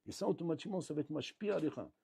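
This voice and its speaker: A man, a rabbi, giving a lively Torah lesson, acting out little dialogues and swinging between loud outbursts and quiet asides. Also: on the high side, rapid-fire, creaky, breathy edge, dry recording. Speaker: rabbi teaching a Torah class.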